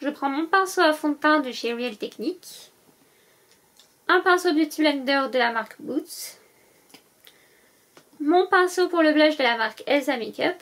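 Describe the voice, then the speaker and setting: A woman's voice: high voice, expressive, measured pace, pauses often, a bit bright. A woman vlogger talking casually to her viewers, listing items one by one with many hesitant fillers. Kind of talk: casual packing-list vlog.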